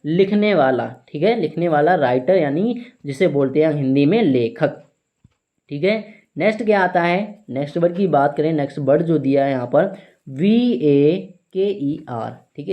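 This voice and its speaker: A man teaching an English vocabulary lesson in Hindi, asking his students questions and answering them himself, spelling words out slowly letter by letter and saying "theek hai" often. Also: on the high side, darkish tone. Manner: repeats "ठीक है" often.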